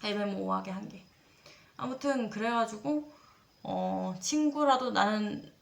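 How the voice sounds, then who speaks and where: This storytelling creator, a young woman in her twenties, recounts her own dating tale casually and confessionally, addressing viewers head-on and performing what others said. Her voice is mid-range and gravelly, recorded with roomy echo.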